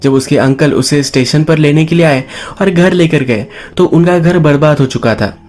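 A man's voice: on the high side, normal speed, a little mellow, faint music behind. A man narrating a movie story recap in casual storytelling style, mixing English words into his talk. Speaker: movie explainer.

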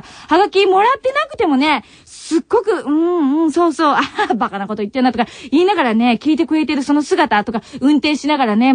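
A young woman with a Nagoya accent hosts a late-night radio show, her very high voice hurrying along even though it is worn from crying. The sound is close and dry, coming from a muffled old cassette recording. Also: no room sound. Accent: Nagoya dialect. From Tokai region of Japan. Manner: emotional farewell, voice choking with tears between laughs. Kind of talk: radio talk, reading listener letters. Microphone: studio radio mic.

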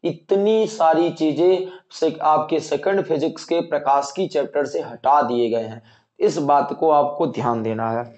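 A man's voice: on the high side, unhurried, darkish tone. A male teacher going through an exam syllabus, repeating key points and reassuring students he calls dear children. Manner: repetitive, assuring, addresses students as dear children. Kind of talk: exam-prep lecture. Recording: echoey room, dull lo-fi sound.

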